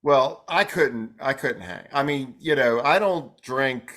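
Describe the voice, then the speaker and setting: Male podcast co-host, mid-pitched, rambling and self-deprecating, laughs easily. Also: takes it slowly, fairly bright tone. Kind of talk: casual chat.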